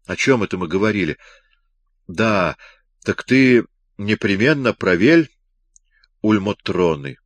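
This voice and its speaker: A man's voice: on the low side, expressive, no echo. A man voicing a sleepy, puzzled male colleague who speaks earnestly in an audiobook reading. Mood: confused. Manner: slow, confused, earnest.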